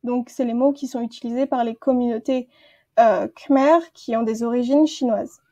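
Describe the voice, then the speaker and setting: A woman's voice: on the high side, steady tone, normal speed, mellow, highs cut off. A woman teaching a vocabulary lesson, patiently saying each word twice before explaining it. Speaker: language teacher. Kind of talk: slow vocabulary lesson with repeated words.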